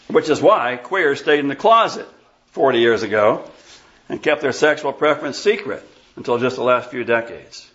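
A man's voice: mid-range voice, a bit bright, dull audio. A pastor in his sixties from Iowa, preaching an emphatic, scornful sermon and bantering with the congregation. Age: 60s. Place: church sanctuary.

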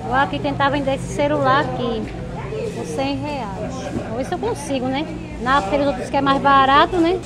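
A woman's voice: high-pitched, normal speed. A middle-aged woman, chatting to viewers while shopping and walking through a market, filmed on a handheld phone. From Brazil. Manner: chatty, addresses viewers directly. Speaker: vlogger. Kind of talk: casual vlog commentary. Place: supermarket, then busy outdoor street market. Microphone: phone held at arm's length. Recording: busy crowd noise behind.

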